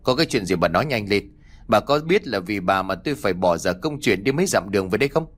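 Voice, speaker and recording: Man doing a gruff, scolding village father. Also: lowish voice, expressive, quick pace. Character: stern, gruff middle-aged village father.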